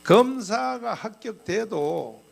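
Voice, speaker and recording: A male pastor delivering a sermon as an animated story, often clearing his throat. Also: sits high, slow pace.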